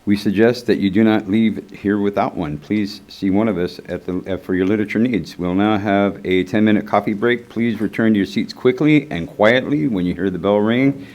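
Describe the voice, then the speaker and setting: A man's voice: fairly low pitch, moderate pace, few pauses, a little mellow. A man chairing a group meeting who reads the announcements from a set format and breaks into offhand asides.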